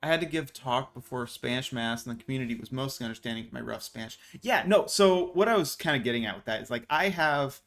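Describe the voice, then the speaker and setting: A man's voice: medium pitch, fast talker, few pauses, a bit bright. An American man in his thirties, chatting casually and animatedly to a live stream audience with a self-mocking streak. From United States. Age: 30s. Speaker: VTuber streamer.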